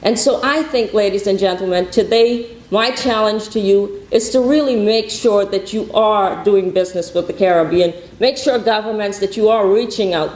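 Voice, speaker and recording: A conference founder from Guyana, speaking in a medium-pitched, darkish voice, rallies the crowd with rousing, repetitive opening remarks. The speech takes place in a conference hall whose recording sounds echoey.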